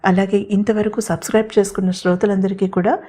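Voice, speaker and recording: A woman storyteller giving steady, expressive scripted narration of a romantic audio serial. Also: medium pitch, fast.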